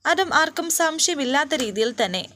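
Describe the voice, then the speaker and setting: A woman's voice: sits high, expressive, normal speed, sharp tone, pitched above the performer's own voice. A woman voicing an eager young woman reporting to her boss in a storybook retelling. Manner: eager, reassuring.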